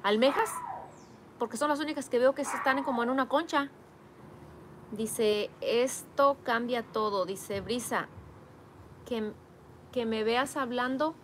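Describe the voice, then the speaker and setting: A woman's voice: fairly high pitch, a little slow, long pauses, slight background noise. Chatty woman teasing her live chat. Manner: teasing, chatty, reads comments aloud. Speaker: live stream host reading chat. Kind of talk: casual live chat reading. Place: home garden workspace.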